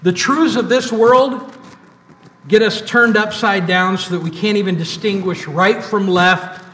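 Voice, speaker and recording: A man preaching a sermon as pastor, with emphatic repetition and pauses, in a church sanctuary. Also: high voice, fairly bright tone, slight background noise. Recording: echoey church hall, mic at a distance.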